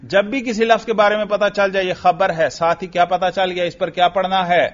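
A male teacher drilling a student on grammar, asking short questions, repeating the answers and praising briskly. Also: high-pitched, flat delivery. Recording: muffled lo-fi recording.

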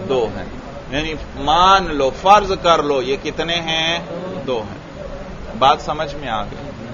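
Man, teacher, classroom grammar lesson, quizzes students, slightly high voice, muffled lo-fi audio. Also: crowd noise. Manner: questioning students, repeating answers. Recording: dull lo-fi recording.

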